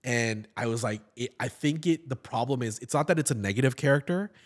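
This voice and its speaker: A man in his thirties, an actor and comedian, chats casually as a podcast guest in a studio with a boom-mounted mic. He talks fairly quickly and animatedly, gesturing, repeating words and restarting often.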